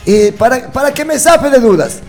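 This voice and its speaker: Radio guy joking around in the studio, high lively voice. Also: moderate pace, soft background music. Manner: jokey, teasing, many fillers. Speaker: radio co-host. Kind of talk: casual studio interview.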